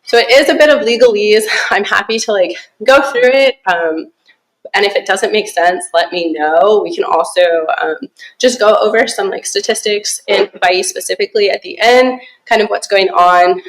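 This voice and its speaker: A young woman from Alaska giving a casual presentation to a small group, relaxed and chatty with many fillers and easy laughs. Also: medium pitch, moderate pace, low-quality recording. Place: small conference room.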